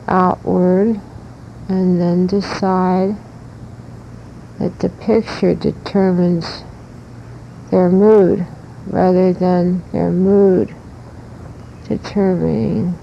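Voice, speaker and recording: Heard on a muffled, noisy old cassette with rumble, a female spiritual teacher instructs in short, halting phrases, extremely slow and deliberate. Her voice has a gravelly creak, and her delivery never wavers from its even tone.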